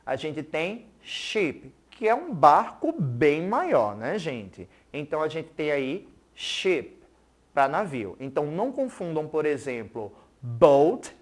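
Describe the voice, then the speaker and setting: An English teacher giving a recorded school TV lesson, checking in with pupils often and saying words slowly for them to repeat. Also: mid-range voice, big pitch swings. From Pernambuco, Brazil. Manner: keeps checking in with "certo?" and "né?".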